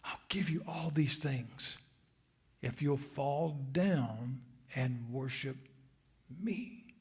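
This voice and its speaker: A man voicing a smooth-talking male tempter in a sermon, as whispered role-play, coaxing and persuasive in a hushed voice. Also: mid-range voice, very slow, voice pushed down, full character voice.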